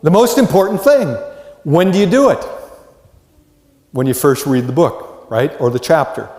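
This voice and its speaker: Speaking at a normal speed in a fairly high voice, an American psychology lecturer in his sixties or older addresses students live in a big, echoey lecture hall. He leans into animated storytelling, asks rhetorical questions, and briefly acts out exchanges between people.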